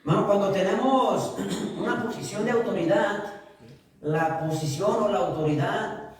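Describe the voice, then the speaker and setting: A man with a high voice preaches to his congregation, weaving humorous stories into the sermon. He often asks the room a question and answers it himself, and he slows right down on the words he wants to land. He is heard from a distant mic in a church hall that rings with strong echo. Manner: slows down for emphasis on key phrases. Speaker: pastor. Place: church sanctuary.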